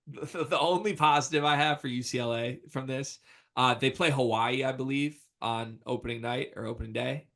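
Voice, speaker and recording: A man's voice: mid-range voice, steady tone, moderate pace, gravelly, fairly bright tone. An American man co-hosting a casual sports talk show, speaking emphatically in informal slang and hyperbole. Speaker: sports podcast host.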